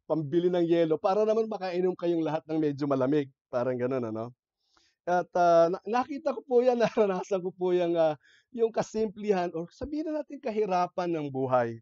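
A man with a slightly high voice tells stories to a gathered community in a lively, conversational way and often checks in with the listeners. The sound is dry and close but a little dull and muffled. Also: no echo. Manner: conversational, animated storytelling with frequent "no?" and "okay?" asides. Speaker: lay speaker. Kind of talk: inspirational talk with personal stories.

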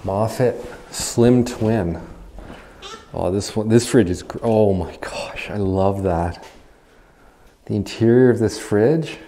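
A man's voice: lowish voice, slow pace, dark tone. A man giving casual, chatty commentary as he walks through an abandoned house, easily amazed by what he finds, recorded on a body-worn camera. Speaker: urban explorer host. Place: empty abandoned house, indoors.

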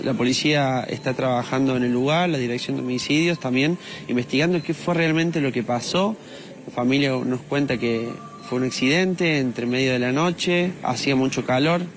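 A man's voice: mid-range voice, moderate pace. A man in his thirties with an Argentine accent reporting live and interviewing on a residential street with a handheld microphone. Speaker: field reporter. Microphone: handheld news microphone. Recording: noisy outdoor live broadcast.

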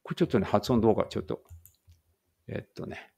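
Gravelly-voiced man reading English slowly. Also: lowish voice, lively intonation, mellow, no room sound. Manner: reads Japanese then slow careful English, pausing to check pronunciation. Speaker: English teacher. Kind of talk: read-aloud English lesson.

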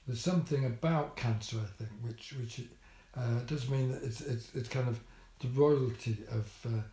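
An older man with a dark-toned, mid-range voice recounts a hospital visit at normal speed in a casual vlog recorded in an echoey room. His humour is dry and wry, and he restarts often with plenty of ums.

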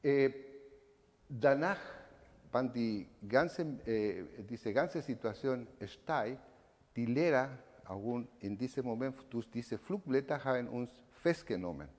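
This medium-pitched voice, with lively intonation, belongs to a man from Chile in his sixties who speaks with a Chilean Spanish accent. As an eyewitness, he testifies to an audience from a lectern in an indoor event room, hunting hesitantly for words in a language other than his native Spanish. A stand-mounted microphone captures him, and the hall echoes.

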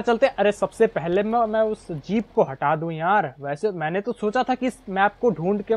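A young man giving casual, chatty gameplay commentary, full of excited exclamations. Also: sits high. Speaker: gaming YouTuber.

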